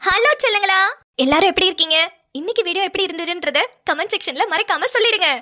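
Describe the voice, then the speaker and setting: A woman's voice: very high voice, quick pace, pushed and bright, soft background music. A woman hosting a cartoon channel, giving a chatty, upbeat outro to viewers.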